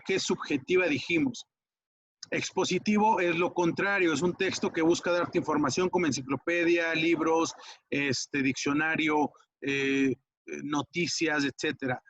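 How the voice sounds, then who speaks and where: A man's voice: a little high, steady tone, a little slow, fairly bright tone, no room sound. A man with a Mexican Spanish accent explaining an exam-prep lesson in a casual, chatty way, checking often that the student follows. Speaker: teacher.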